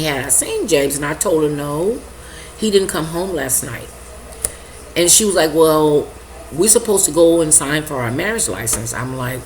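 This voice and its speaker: Low-voiced older woman telling a personal story. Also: a little hiss or hum, rough recording. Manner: halting, repeats herself, acts out her own reactions. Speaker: vlogger sharing a personal testimony.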